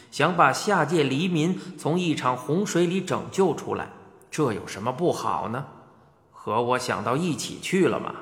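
A storyteller voicing a frank, genial male sky emperor god in an audiobook, with a deep, gravelly drawl. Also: fairly bright tone. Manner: frank and easygoing. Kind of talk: audiobook character voice. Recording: echoey hall reverb.

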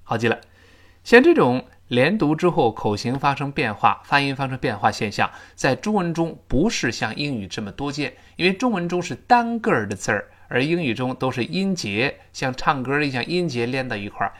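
An English teacher, explaining pronunciation and leading slow repeat-after-me drills. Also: mid-range voice, sing-song, a bit bright. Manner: slow, exaggerated modelling of English phrases between explanations.

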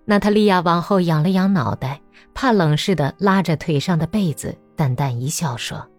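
Low-voiced woman narrating a novel. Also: animated, normal speed, darkish tone, soft background music. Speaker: audiobook narrator. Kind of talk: scripted narration.

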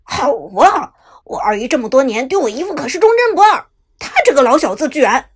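A woman voicing a brash, hot-headed young man who shouts and rants hysterically in an audiobook. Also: high-pitched, big pitch swings, fast talker. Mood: indignant.

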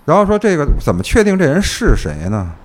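A man with a Beijing accent recounts things in casual conversation. He talks quickly, with a very lively pitch. His phrasing is colloquial, with repeats and little checks that people are following. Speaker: guest recounting police investigations.

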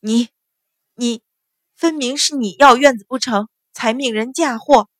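A woman's voice: a little high, normal speed, dry recording, studio quality, natural voice. A woman reading an audiobook novel, voicing a haughty, scheming middle-aged stepmother of a noble house who speaks sharply and indignantly.

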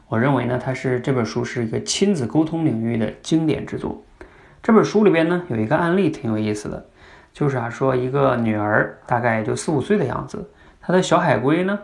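A man with a gravelly, creaky voice hosts a podcast that teaches communication. He explains things conversationally and keeps asking his listeners questions, at a medium pitch.

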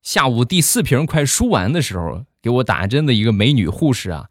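A man's voice: mid-range voice, brisk, no room sound, clean studio sound. A man hosting a show, telling comic stories in a chatty way. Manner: chatty, animated. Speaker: joke-telling host. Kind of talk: comic storytelling.

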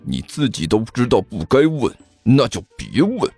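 A man voicing a vengeful, menacing rich schoolboy who speaks in slow, low threats. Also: big pitch swings, creaky, a little mellow, slightly rough, faint music behind, heavily acted.

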